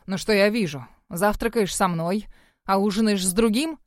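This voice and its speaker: A woman reader voicing a gruff, brooding male magic master who speaks curtly and low in an audiobook. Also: moderate pace, no echo, clean studio sound, natural voice. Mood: stern. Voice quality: low and growling. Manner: curt, demanding. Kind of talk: audiobook character voice.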